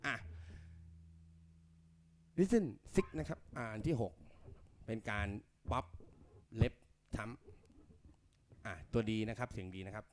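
A man gives a casual bass lesson at a medium pitch. He talks loosely and counts beats aloud, and a loud bass guitar plays behind him. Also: slow, long pauses. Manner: relaxed, counts beats aloud between playing. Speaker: bass teacher.

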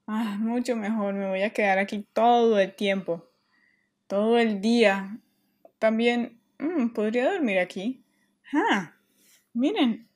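A woman voicing a restless, mischievous boy who complains dramatically, in a children's toy play story. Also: fairly high pitch.

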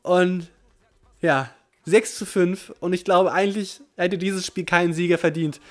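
A man commentating his own football video game match, excitable, swinging from low muttering to shouting. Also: measured pace. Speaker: gaming commentator. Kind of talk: live Let's Play commentary.

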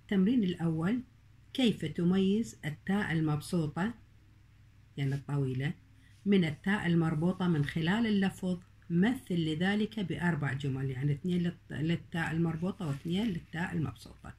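Teacher, woman, lowish voice, patient repetition of examples. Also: mellow. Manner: slow, deliberate, repeats example words. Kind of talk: recorded online grammar lesson.

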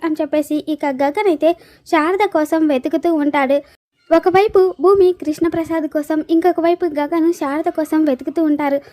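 High, mellow woman narrator. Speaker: serial promo recap narrator. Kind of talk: scripted story narration, retelling dialogue.

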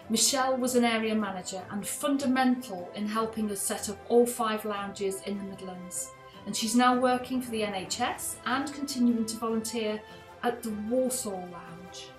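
A middle-aged woman presenting awards over a video call, reading each citation at a measured pace. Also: fairly high pitch. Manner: measured, reads from a script. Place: attic room at home. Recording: roomy video call audio with music.

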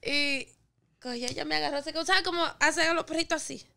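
A young woman guest on a podcast, telling stories in an animated, casual way and mixing in English words. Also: sits high, fairly quick, gravelly, crowd noise. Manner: animated storyteller, mixes in English. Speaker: guest artist.

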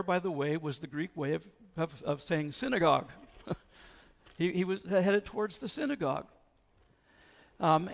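A pastor with a high, gravelly voice preaches a sermon in a church sanctuary, keeping it conversational and asking the congregation questions. The recording carries long church reverb.

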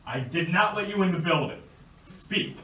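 A man's voice: sits high, expressive, moderate pace, sharp tone. A young man playing a stern, bossy drill sergeant who barks curt commands at recruits in an amateur comedy skit. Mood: stern, barking. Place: school classrooms, restroom and stairwell. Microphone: far camera. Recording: echoey room, distant camera mic, faint noise.

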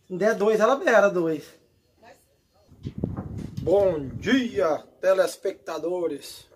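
A high-voiced man, filming himself fishing and talking eagerly to his viewers. He records outdoors on a platform over the water with a handheld phone. Faint wind and water noise sit behind him. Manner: excitable, keeps calling out to viewers. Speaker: fishing vlogger. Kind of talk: casual outdoor fishing vlog.

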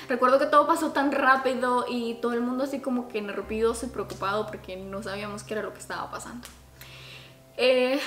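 High-voiced young woman vlogger, roomy sound. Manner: expressive, chatty, talks with her hands. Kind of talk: casual vlogger storytime told to camera. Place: small furnished room at home, indoors. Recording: roomy home video sound. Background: background music.

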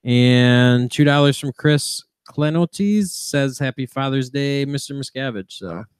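Male producer, smooth clear voice, dry close sound, brisk. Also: medium pitch, dry recording. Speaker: show producer. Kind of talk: reading out viewer messages.

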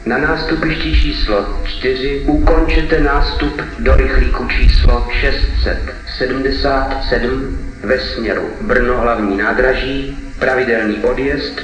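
A man reading a formal station announcement in a measured, segmented way as a railway announcer. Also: mid-range voice, fairly even intonation, music in the background. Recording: echoey hall, long reverb.

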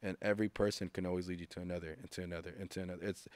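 A man's voice: sits low, little pitch movement, rapid-fire, a little mellow, no echo. A man in his thirties, a music producer guest on a studio podcast, talking casually with restarts and acted-out quotes. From United States. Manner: laid-back, rambling with restarts and acted-out quotes. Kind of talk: casual interview chat. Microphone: studio mic with headphones.

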